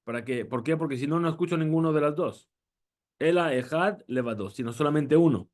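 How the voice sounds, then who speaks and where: A man teaching a Torah lesson. He reads Hebrew lines quickly and translates each one, then explains step by step with short phrases and rhetorical questions. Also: on the high side, darkish tone. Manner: speaks in short phrases, fills with "eh" and "¿sí?". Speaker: rabbi teaching.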